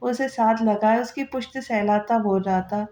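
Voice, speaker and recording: Audiobook narrator: a woman, romance novel, fairly high, mellow voice, roomy room sound. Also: moderate pace. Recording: roomy, dull lo-fi recording.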